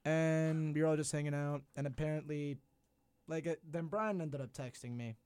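A man in a band, telling a story quickly and chattily in a casual interview. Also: on the high side, darkish tone, clear, resonant tone, no echo. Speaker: band member.

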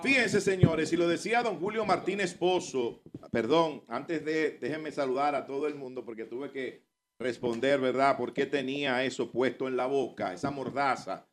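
A man's voice: mid-range voice, moderate pace, slight background noise. A Dominican man giving impassioned radio commentary in an emphatic, oratorical manner. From Dominican Republic.

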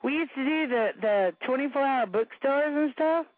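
A woman's voice: high-pitched, moderate pace, no echo. A middle-aged woman hosting a casual talk show, telling frank, swearing stories with lots of laughter. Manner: frank, blunt storyteller who swears and laughs often. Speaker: host. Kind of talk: casual chat. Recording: tinny phone-like radio sound.

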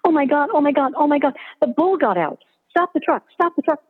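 A woman voicing a panicky young female veterinary student, shrill and frantic, later tearful, over a tinny line with long reverb. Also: measured pace, slightly rough. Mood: panicked.

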